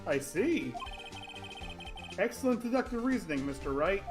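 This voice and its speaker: A pompous male judge acted by a man presides in a comic video game dub. His voice is high for a man, formal yet crude, and music plays behind him. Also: sing-song, normal speed. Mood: impressed. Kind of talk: comedic game voice-over.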